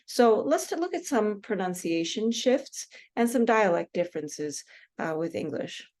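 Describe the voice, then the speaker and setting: A woman from Seattle with a US West Coast accent, giving a relaxed recorded lecture with many fillers and slowing down on example words. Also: mid-range voice. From Seattle, Washington State, US West Coast. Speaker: teacher.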